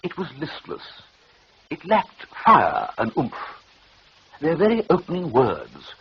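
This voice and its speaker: An actor playing an excitable young upper-class gentleman who narrates in breezy, animated posh slang in a radio play. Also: fairly high pitch, slow pace, vocal fry, slightly rough, heavily acted. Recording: dull old radio recording with hiss.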